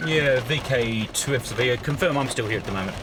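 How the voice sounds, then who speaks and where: A man storm chasing and reporting live, with an urgent, excited delivery that repeats phrases. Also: medium pitch, a little fast. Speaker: storm chaser and spotter. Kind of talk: live storm chase reporting by radio and to himself. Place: outdoors and in a vehicle during a storm. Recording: loud wind and rain, distant mic, vehicle noise.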